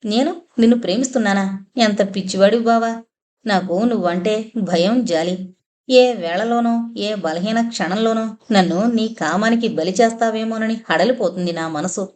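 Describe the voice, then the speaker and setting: A woman's voice: mid-range voice, normal speed, a little mellow, natural voice. A woman voicing a grieving, torn young blind woman in an audiobook novel, with a tearful, pleading delivery. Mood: anguished.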